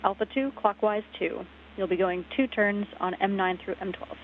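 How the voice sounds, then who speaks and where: A woman's voice: mid-range voice, normal speed. Woman on a breaking-up radio link. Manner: terse, clipped instructions. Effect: radio transmission breaking up. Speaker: mission control communicator. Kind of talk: procedural radio callouts. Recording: tinny radio link with faint static.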